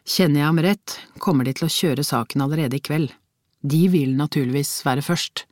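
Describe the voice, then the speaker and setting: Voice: mid-range voice, darkish tone, dry recording, studio quality, lightly acted. A reader voicing a busy, practical police colleague in an audiobook, talking in a businesslike, matter-of-fact way. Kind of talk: audiobook character reading.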